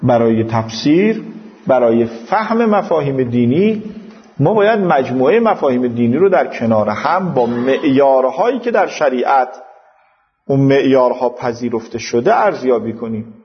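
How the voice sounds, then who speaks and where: A man with an Iranian Persian accent teaches a religious lecture, explaining scripture by reciting Arabic quotations and then paraphrasing them. His mid-range voice has a lively intonation, though the audio sounds dull.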